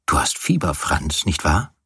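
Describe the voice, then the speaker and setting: A brisk young woman who teases her friends bluntly, as a male reader puts her on in a storybook reading. The voice sits a little higher than the reader's own deep tone, with a husky edge and a dry, close sound. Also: sing-song, sharp tone, no room sound, heavily acted. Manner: teasing, blunt.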